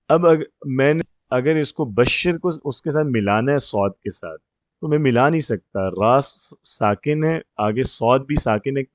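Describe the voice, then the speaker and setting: A man's voice: medium pitch, no room sound. Patient man tutoring grammar, dry sound. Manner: explains step by step, checks understanding often; slows down to spell out example words. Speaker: Arabic grammar teacher.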